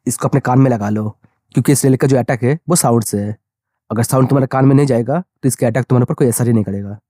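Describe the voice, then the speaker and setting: A man voicing a calm, confident young male leader who speaks firmly and matter-of-factly in a manga recap. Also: mid-range voice, quick pace, no echo, studio quality, lightly acted. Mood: steady.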